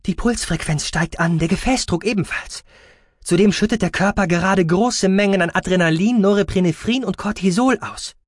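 A man voicing an agitated, imperious male alien doctor in an audiobook, loud and scolding. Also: high-pitched, moderate pace, no echo, clean studio sound, pitched above the performer's own voice. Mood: clinical.

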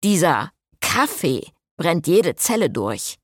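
A woman's voice: lowish voice, big pitch swings, slow, husky, dry recording, clean studio sound, heavily acted. Woman doing a huffy, prim priest. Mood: indignant. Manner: huffy, formal. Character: indignant, prim male priest.

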